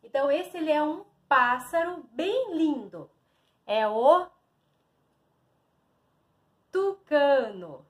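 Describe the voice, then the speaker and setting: A woman's voice: high voice, animated, a little slow. A woman teacher from Brazil giving a reading lesson to young children, stretching and stressing each syllable.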